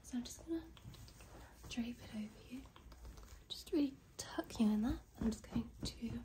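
A woman's voice: a little high, normal speed, dark tone, a little hiss or hum. A young woman doing a whispered role-play as a massage therapist, murmuring short, reassuring phrases to a client. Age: young adult. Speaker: ASMR performer playing a massage therapist. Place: small bedroom, indoors.

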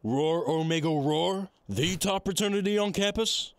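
A man playing a big, furry college monster in an animated film, cocky and boisterous, with a brash, breezy delivery. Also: a little high, unhurried, clean tone. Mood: cocky, casual.

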